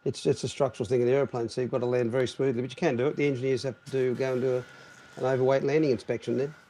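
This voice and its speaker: A man's voice: medium pitch, level tone, racing, warm tone, a little hiss or hum. A man, a jet-lagged airline pilot, explaining things at length in casual chat with many restarts. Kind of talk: casual chat on a live stream.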